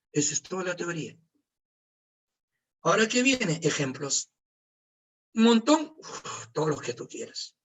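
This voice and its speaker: A man's voice: sits high, far from the mic, rough recording. Man teaching chemistry online. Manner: lively, asks questions and answers them himself, joking asides. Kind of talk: online class lecture. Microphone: computer mic on a video call.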